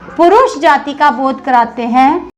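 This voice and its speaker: A woman's voice: sits high, takes it slowly, poor audio. A woman school teacher giving a grammar lesson to children, patiently asking questions and answering them herself.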